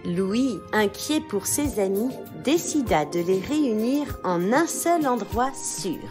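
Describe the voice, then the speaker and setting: A woman with a medium-pitched voice narrates a children's tale, expressive and scripted, phrasing things clearly for young listeners.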